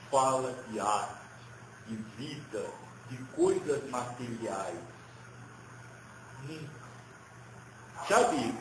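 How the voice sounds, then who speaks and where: Homem agudo, fala espiritual pausada. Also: male voice, on the high side, echoey room, slight background noise, low-quality recording. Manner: slow, hesitant, repeats words. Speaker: spirit medium giving a message. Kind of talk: channeled spiritual teaching.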